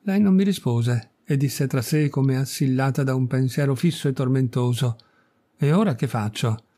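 A man narrates a classic short story in a measured, expressive way. His voice is dark and mellow, at an ordinary middle pitch for a man. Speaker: audiobook reader. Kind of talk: literary audiobook narration.

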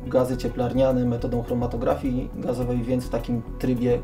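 A middle-aged man heading a weather observatory, answering interview questions in a measured, factual way with small hesitations. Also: mid-range voice, monotone, over music. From Poland. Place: small office inside a mountain observatory.

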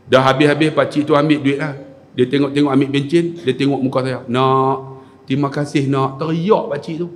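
A man with a Kedah accent giving a mosque lecture, telling stories and acting out shouted scenes. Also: medium pitch, a little fast. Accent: Kedah Malay. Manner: animated, acts out scenes with shouted voices. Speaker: religious lecturer (ustaz). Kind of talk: sermon with humorous storytelling. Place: mosque hall. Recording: echoey mosque hall.

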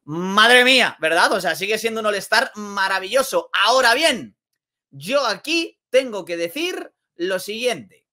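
A man with a Spain Spanish accent giving casual basketball commentary, energetic and exclamatory, repeating phrases for emphasis. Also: high-pitched, measured pace. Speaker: basketball vlogger.

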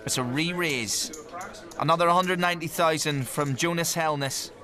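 A man's voice: on the high side, a little slow. Jokey male poker commentator. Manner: lively, jokey and emphatic. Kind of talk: live sports commentary. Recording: crowd noise in the venue. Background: crowd noise.

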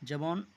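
Male tutor, somewhat high voice, reads word lists for exam prep. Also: creaky, sharp tone, slightly rough. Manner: reads lists of words slowly, with small self-corrections. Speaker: teacher. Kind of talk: reading and explaining a word list for exam study.

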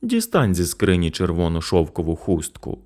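A man's voice: sits low, wildly swooping pitch, moderate pace, darkish tone. Brief: a tender sick mother, faint and tired as a man acts her out, storybook. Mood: weak. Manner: weak, faint voice. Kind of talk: storybook narration.

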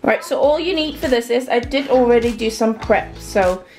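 A woman's voice: fairly high pitch, normal speed, a little mellow, faint music behind. A young woman chatting through a recipe as she cooks in her home kitchen, hesitant and casual with plenty of ums. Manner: chatty, hesitant with many ums, talks while cooking. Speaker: cooking vlogger. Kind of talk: casual cooking walkthrough. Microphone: camera mic in the kitchen.

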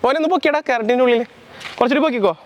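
A young man with a very high-pitched voice talks rapid-fire, with a little hiss or hum in the audio. He's a vlogger casually narrating a DIY video, playfully chatting to viewers as he makes and wears costume puppets out on the street and in a park.

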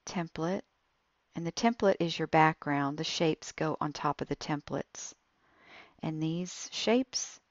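A woman walking through an app tutorial step by step, in a slow, explaining way. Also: low-pitched, dry recording, dull audio. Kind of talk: screen-recorded app tutorial.

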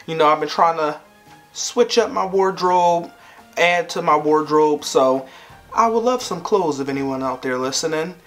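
Chatty young male vlogger, playful and quick to laugh, filmed on a camera mic at home with soft music underneath. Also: fairly high pitch. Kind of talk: casual chat to camera.

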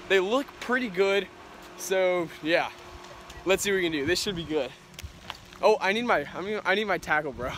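A teenage boy from Texas vlogging a fishing trip, excitable and full of dude and bro, recorded outdoors by suburban ponds on an action camera. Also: high voice, slight background noise. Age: teens. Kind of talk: casual vlog. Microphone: handheld or body-mounted action camera.

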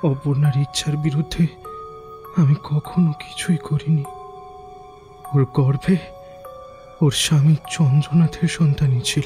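An actor playing a hypnotized young man who answers questions in a flat, mechanical monotone, as if in a trance. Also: fairly high pitch, music in the background, natural voice. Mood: entranced. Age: young adult. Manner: slow, flat robotic monotone. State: entranced, mechanical voice. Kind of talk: audio drama acting.

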